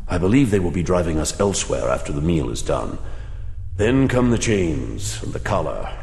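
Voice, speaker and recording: An actor playing an erudite, pompous old gentleman in a dramatized audiobook, wry and theatrical, with florid old-fashioned phrasing. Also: low voice, very animated, moderate pace, creaky, heavily acted. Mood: grave, scheming. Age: older. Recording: long reverb, faint music underneath.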